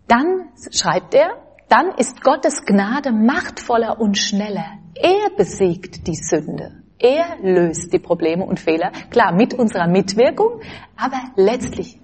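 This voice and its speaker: A woman giving an earnest spiritual talk, quoting saints and scripture in a gentle way. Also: medium pitch, slightly rough. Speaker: religious speaker.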